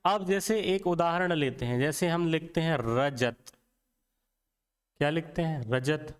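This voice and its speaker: A man giving an exam-prep grammar lecture, explaining slowly and sounding out letters one at a time while asking and answering his own questions. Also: fairly high pitch, clear, resonant tone, big-room sound. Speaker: teacher.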